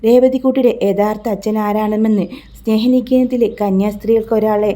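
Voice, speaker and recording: Woman storyteller, conversational retelling, unhurried, very mellow dark voice. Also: mid-range voice, steady tone. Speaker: storyteller recapping a serial. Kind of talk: storytelling narration.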